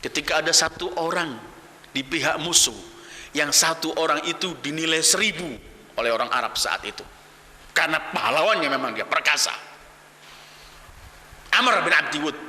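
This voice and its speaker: A man preaching a sermon, telling stories dramatically with loud exclamations and hushed low phrases. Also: moderate pace, long pauses. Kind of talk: sermon storytelling. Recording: echoey hall with long reverb.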